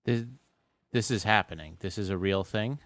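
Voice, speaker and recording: A man's voice: low voice, moderate pace, fairly bright tone, no echo. A man co-hosting a podcast, chatting casually about basketball and playing the dry straight man. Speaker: podcast co-host. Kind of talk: casual sports chat.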